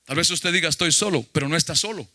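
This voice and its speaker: A man's voice: on the high side, rapid-fire, pushed and bright. A male pastor preaching a sermon emphatically, putting questions to the congregation.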